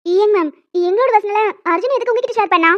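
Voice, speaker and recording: A woman voicing a defensive young female college student in an animated story. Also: extremely high pitch, fast talker, dull audio. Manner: pleading, defensive.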